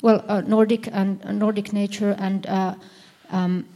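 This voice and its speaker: A woman's voice: medium pitch, little pitch movement, a little slow, dark tone. A woman author speaking on a panel, hesitant and searching for words. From Finland. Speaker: author and publisher. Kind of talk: panel discussion.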